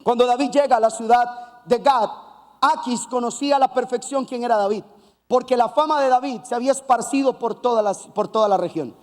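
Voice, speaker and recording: High-voiced animated male preacher. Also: fairly quick, in a large hall. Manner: animated storytelling with playful asides; acts out voices of biblical figures. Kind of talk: sermon.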